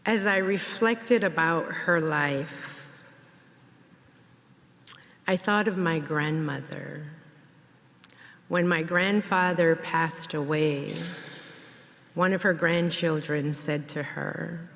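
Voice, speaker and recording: A woman from Jamaica giving a memorial eulogy in a church, speaking in a measured, reflective way. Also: deep voice, creaky, a bit bright. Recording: long church reverb.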